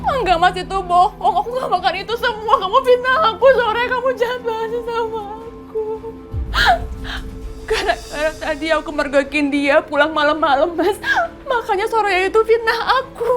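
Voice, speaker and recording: A woman's voice: sits high, expressive, moderate pace, long pauses, soft background music. An actress playing a scheming young woman who fakes a pregnancy, whiny and accusing, with fake tears. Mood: whiny tearful. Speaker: actor in a TV soap. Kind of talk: TV soap acting.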